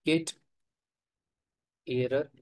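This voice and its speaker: His voice is a little high with fairly even intonation, captured at studio quality without echo. He's teaching software testing in a screen-recorded coding tutorial, typing and thinking aloud haltingly with frequent fillers.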